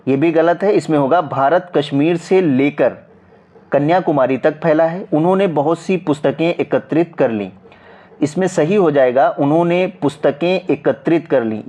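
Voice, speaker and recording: A man with a Hindi accent explaining exam practice questions as a coaching teacher, slowly and repetitively, checking in with viewers often. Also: on the high side, mellow.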